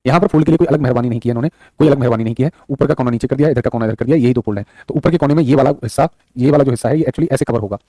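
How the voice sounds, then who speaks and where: A man's voice: medium pitch, rapid-fire, hardly any pauses, warm tone, no room sound. A male teacher running a live online exam-prep class on a studio mic, repeating points and calling his students son and brother. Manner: repetitive and affectionate, calls students son and brother; reads viewers' chat aloud. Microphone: studio microphone.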